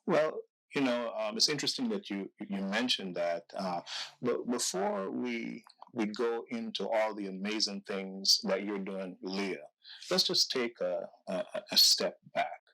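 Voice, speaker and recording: A man from Guyana hosting an interview, asking questions slowly and haltingly, with many ums and repeated words. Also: lowish voice, lively intonation, gravelly, bright, forceful tone, rough recording. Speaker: interview host.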